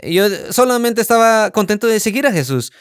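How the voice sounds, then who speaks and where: A man preaches a sermon from his own life, his voice fairly high and smooth, with a resonant ring to it. He tells the story in an animated way and acts out the quotes. The sound is close and dry. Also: fairly quick, dry recording. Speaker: pastor. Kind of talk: sermon with personal testimony. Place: church.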